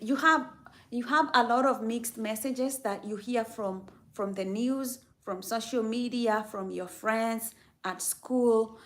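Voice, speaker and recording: A woman from Kenya hosting a livestream, giving an emphatic, faith-based motivational talk and repeating her key phrases for effect. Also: fairly high pitch. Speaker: livestream host.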